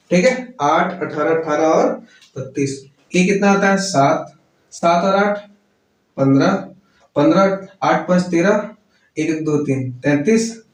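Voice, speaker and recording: Male chemistry teacher, higher voice, drills students with quick questions; heavy room echo, distant mic. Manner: asks and answers his own questions, repeats key words. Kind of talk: classroom lecture. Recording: roomy echo, voice from far off.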